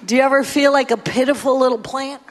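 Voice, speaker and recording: A woman preaching a sermon in short phrases for an interpreter, animated and playful. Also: high-pitched, brisk. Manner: animated, playful, laughs often. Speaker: guest preacher. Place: church hall. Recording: reverberant hall.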